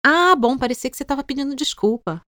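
A woman with a Brazilian Portuguese accent explains language points on a scripted podcast in a friendly, teasing tone. Her somewhat high voice moves through a wide, expressive melody. The close recording is dry. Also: quick pace, dry recording. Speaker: podcast host and English teacher. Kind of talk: scripted educational podcast dialogue.

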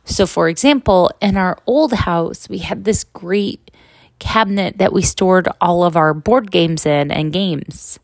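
A woman's voice: on the low side, unhurried, no room sound. A middle-aged woman hosting a casual podcast monologue in a candid, conversational way, often checking in with a "right?", recorded outside a proper studio. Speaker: podcast host. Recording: makeshift non-studio recording.

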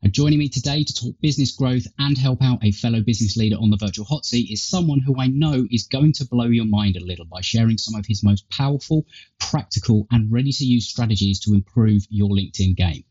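A man's voice: medium pitch, fairly quick, a little mellow, breathy edge. Tinny, slightly metallic male podcast host. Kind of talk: scripted intro and podcast hosting. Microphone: earbuds instead of proper microphone. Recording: tinny earbud microphone.

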